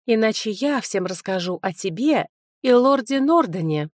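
A woman's voice: fairly high pitch, animated, normal speed, dry recording, studio quality, pitched above the performer's own voice. A woman reading an audiobook, voicing a sly, self-serving young man, a former fiancé. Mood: pleading threat.

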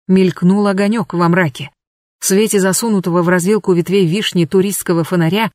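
Low-voiced woman reading a detective audiobook. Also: a little mellow, no echo, clean studio sound. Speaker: audiobook narrator. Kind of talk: scripted narration.

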